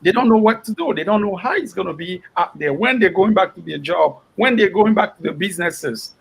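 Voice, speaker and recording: A man's voice: sits high, lively intonation, a little fast, vocal fry, breathy edge, rough recording. A man from Cameroon promoting a company on a panel, emphatic and repetitive. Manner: emphatic, repeating phrases.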